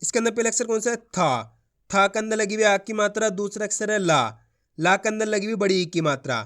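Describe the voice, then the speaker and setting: A man's voice: high-pitched, brisk, a bit bright. A man teaching Hindi reading. He sounds out each syllable and then joins them into the whole word, and he calls his viewers friends as he coaxes them to try.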